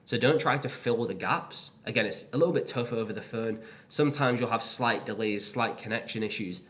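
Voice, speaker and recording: A man's voice: medium pitch, fairly quick, fairly bright tone. A man teaching cold-calling in a casual, plain-spoken way. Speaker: sales coach. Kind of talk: instructional talk to camera.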